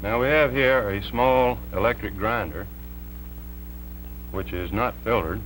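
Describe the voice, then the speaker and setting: Engineer in a 1950s TV broadcast. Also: male voice, on the low side, a bit bright, a little hiss or hum, low-quality recording. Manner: measured, plain technical explaining. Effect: 1950s TV broadcast sound. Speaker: electrical engineer demonstrating TV interference. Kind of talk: explanatory on-air demonstration.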